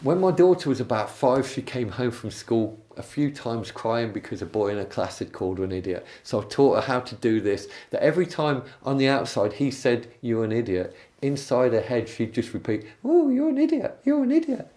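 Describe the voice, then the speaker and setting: A man coaching, explaining a technique calmly with examples and stories. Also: medium pitch, moderate pace, few pauses. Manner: calm, explanatory, uses anecdotes. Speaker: NLP coach. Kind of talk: instructional talk.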